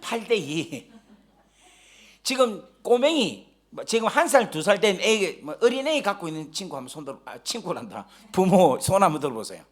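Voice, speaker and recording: A man preaching a sermon, telling stories animatedly, joking with the congregation and rising to shouts when stirred. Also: high-pitched, big pitch swings, normal speed. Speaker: guest pastor. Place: church sanctuary during a live service.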